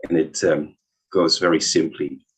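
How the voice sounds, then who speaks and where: A man speaking gently and reflectively as a guest on a video call, with a few restarts. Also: rumbling low, flat delivery, unhurried, breathy edge, low-quality recording. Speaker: guest singer. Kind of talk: casual spoken remarks then simple song.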